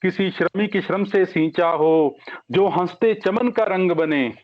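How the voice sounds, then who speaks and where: A man reads his poem at a poetry gathering held over the phone. The call audio sounds dull and lo-fi, and his voice sits a little high. He delivers each couplet slowly and in a measured way, saying every line twice. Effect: heard over a phone or online call line. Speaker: poet reciting at an online poetry gathering. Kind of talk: slow sung-spoken Hindi poetry recitation.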